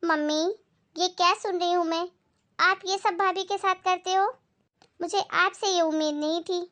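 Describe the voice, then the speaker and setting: A woman's voice: very high-pitched, steady tone, normal speed, fairly bright tone. Woman playing an outspoken young married daughter. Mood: reproachful. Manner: outspoken, complaining. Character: young married daughter visiting her mother. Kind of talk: family moral skit.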